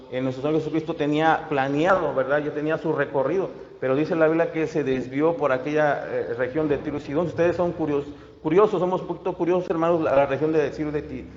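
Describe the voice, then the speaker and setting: Man, pastor, sermon, halting with fillers, slightly high voice, dull lo-fi echoey church recording. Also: a little mellow. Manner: halting, many fillers and restarts. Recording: echoey hall, dull lo-fi sound.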